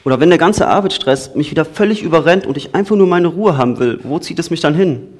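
A man's voice: fairly high pitch, fast. Earnest man preaching casually. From Cologne area, Germany. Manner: conversational, swings between excited storytelling and quiet earnestness. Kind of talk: informal sermon.

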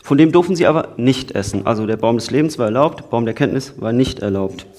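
A man from the Cologne area, giving an informal sermon in a conversational way, moving between lively storytelling and quiet earnestness. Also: medium pitch, fast. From Cologne area, Germany. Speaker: preacher.

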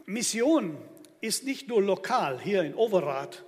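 Emphatic preacher, high voice, church echo. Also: male voice, a little slow. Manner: lively, emphatic preaching to the congregation. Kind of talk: sermon. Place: church hall. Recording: long church hall reverb.

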